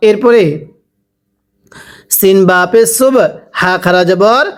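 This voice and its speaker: A man with a Bangladeshi Bengali accent teaching a Quran lesson, spelling out syllables and then chanting drawn-out recitation. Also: high voice, clear, resonant tone.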